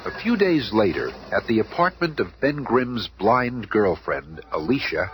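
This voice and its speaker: A man's voice: on the low side, sing-song, unhurried, low-quality recording. A man narrating a radio drama in a dramatic, announcing manner. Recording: hissy old radio recording.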